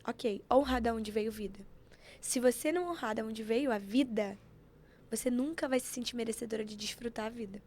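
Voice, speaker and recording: A woman telling stories in an animated, preachy way, acting out quotes as she chats on a podcast. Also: a little high, brisk, a little hiss or hum. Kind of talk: casual chat.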